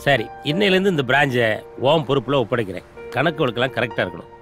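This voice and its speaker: A man's voice: mid-range voice, sing-song, fast talker, a bit bright, soft background music. An actor playing a stern male business owner who gives curt, threatening orders. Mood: commanding. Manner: curt and commanding.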